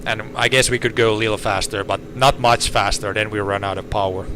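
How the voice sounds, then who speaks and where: An organic farmer from Finland whose first language is Swedish chats casually from his tractor cab while working. He's laid-back with a slightly low voice, and keeps restarting phrases haltingly as the engine and air conditioning hum steadily and clearly behind him.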